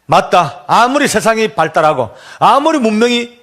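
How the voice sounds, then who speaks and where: An older man, a church elder, telling his testimony in an earnest and deeply emotional sermon. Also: sing-song, moderate pace, a bit bright.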